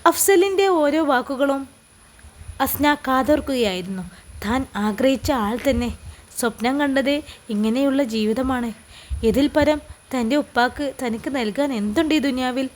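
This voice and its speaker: A woman's voice: high voice, normal speed. A woman with a Malappuram Malayalam accent narrating an emotional family story aloud.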